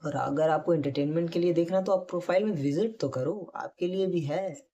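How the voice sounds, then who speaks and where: A man's voice: fairly high pitch, fairly quick, mellow, muffled recording. A man teaching acting in a casual spoken tutorial, talking straight to his viewers in a direct, encouraging way.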